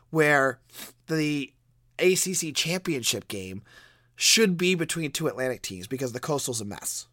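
A man with a stuffy, cold-congested voice that squeaks a little, hosting a solo sports podcast in a conversational, opinionated way. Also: pushed and bright, no echo, clean studio sound.

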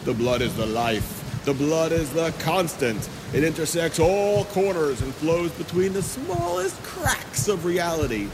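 Theatrical high-pitched vintage horror radio host. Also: male voice, big pitch swings, a little slow, hardly any pauses, background noise. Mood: ghoulishly welcoming. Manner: theatrical vintage horror narrator, ghoulish cackling. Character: mighty Moloch, gleefully macabre horror radio host. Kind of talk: scripted vintage-style horror radio monologue. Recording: loud music under the voice. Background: loud music.

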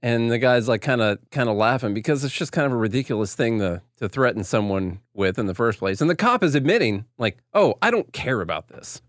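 Man, medium pitch, casual opinionated commentary, blunt, informal, dry close microphone. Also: animated, brisk, hardly any pauses, dry recording. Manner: blunt, informal, acts out quoted dialogue. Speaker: talk show co-host.

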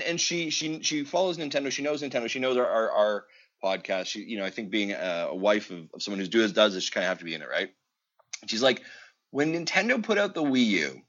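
A Canadian man on a podcast, telling a story and acting out the lines of a conversation. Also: lowish voice. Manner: animated storyteller, acts out dialogue. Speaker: podcast co-host. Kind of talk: casual podcast chat. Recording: dull lo-fi audio.

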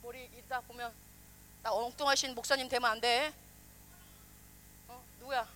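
A woman pastor preaching a sermon, animated, questioning the congregation and acting out quoted voices. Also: a little high, moderate pace, slight background noise.

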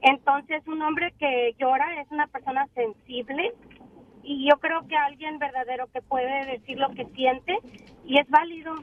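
A woman's voice: high-pitched, steady tone, measured pace. A woman calling into a radio show, sure of her view as she shares it. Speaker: caller. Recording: tinny phone line.

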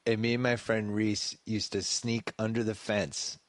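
A man's voice: on the low side, little pitch movement, measured pace, dry recording. A middle-aged man from Massachusetts, hosting a podcast with wry, joking banter. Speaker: podcast host. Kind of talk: casual chat.

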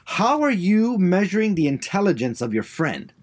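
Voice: mid-range voice, big pitch swings, moderate pace. A performer voicing a persistent, confrontational male reporter from Spanish-language television in a comedy press conference.

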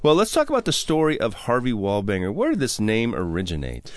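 A man's voice: mid-range voice, huge pitch swings, fairly quick, no room sound. An older man hosting a radio talk show, chatty and laughing often, with many ums and uhs. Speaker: radio show host and sommelier. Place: radio studio.

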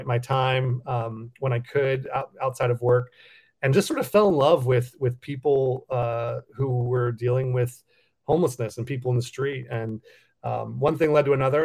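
A man's voice: mid-range voice, darkish tone. A man from Cameroon, a nonprofit leader, answering interview questions in a reflective way with many ums and restarts. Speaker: nonprofit CEO, podcast guest.

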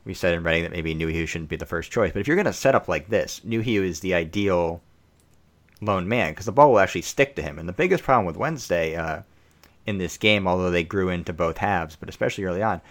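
A man co-hosting a casual football podcast, giving a measured, analytical breakdown of the match. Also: sits low, lively intonation. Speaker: podcast co-host.

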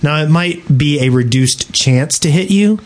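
This podcast co-host has a slightly high, slightly slow, slightly mellow voice. He speculates casually about a video game update during an informal group discussion.

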